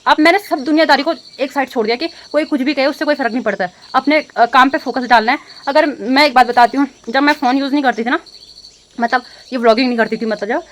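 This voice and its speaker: A young woman speaks fast and somewhat high to her phone camera, upset and rambling. She restarts her sentences often and fills the gaps with hesitations. Her talk is an unscripted casual vlog. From India. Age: young adult. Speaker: vlogger.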